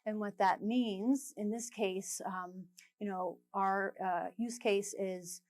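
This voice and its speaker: A woman gives a technical conference presentation in an easygoing tone. She leans on small fillers between phrases and slips in the odd playful joke. Her voice sits at an ordinary middle pitch for a woman. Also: slow pace. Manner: filler-heavy, relaxed, with light jokes.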